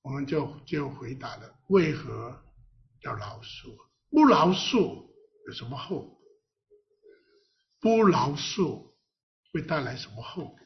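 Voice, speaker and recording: Lively, slow-paced man preaching a sermon. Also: medium pitch. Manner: lively, playful preaching with laughs and rhetorical questions; reads scripture aloud with the congregation. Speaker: pastor. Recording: dull lo-fi recording.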